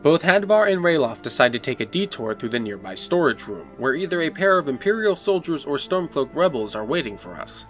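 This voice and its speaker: Man, game walkthrough narrator, casual commentary, animated pitch, soft music behind. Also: fairly quick, few pauses.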